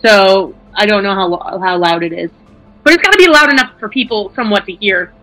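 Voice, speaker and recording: A woman's voice: medium pitch, fairly quick, pushed and bright, no echo, soft background music, rough recording. Chatty woman player, dry close sound. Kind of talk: casual tabletop play.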